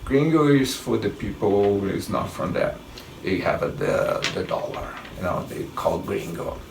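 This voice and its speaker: Speaking a little slowly in a lowish, creaky, darkish voice with a sing-song lilt, a middle-aged man with a Brazilian Portuguese accent offers rambling travel tips and keeps restarting his sentences. This casual vlog monologue has a roomy, distant sound with faint ambience and a little hiss or hum.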